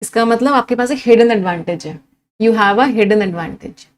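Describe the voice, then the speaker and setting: Brisk Indian woman teaching vocabulary. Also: a little high. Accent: Indian English. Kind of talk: exam-prep vocabulary lesson.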